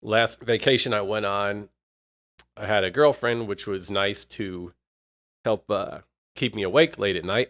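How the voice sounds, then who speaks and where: A man's voice: fairly low pitch, fairly bright tone. A man talking alone in a casual, rambling, reflective way, with many fillers and restarts, his voice a bit worn. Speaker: podcast host. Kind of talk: casual solo monologue.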